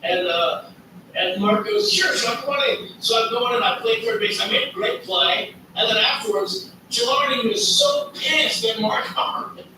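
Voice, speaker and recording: A man in his fifties chats as a guest, spinning animated anecdotes in a high, lively voice. He is recorded from afar in a very echoey room. Noise hums in the background. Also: moderate pace, far from the mic. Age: 50s. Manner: animated storyteller, acts out quotes. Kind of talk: casual chat.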